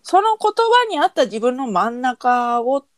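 A woman with a Kansai accent co-hosting a podcast in casual chat, working through an idea with many fillers and pauses. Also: high voice, big pitch swings, no room sound. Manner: thoughtful, searching for words with many fillers. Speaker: podcast co-host.

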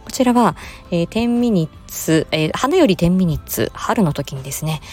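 A woman's lowish, animated voice, darkish in tone and at a normal speed, delivers a promotional announcement politely and formally, like a presenter. She is a voice performer and channel host, and music plays in the background.

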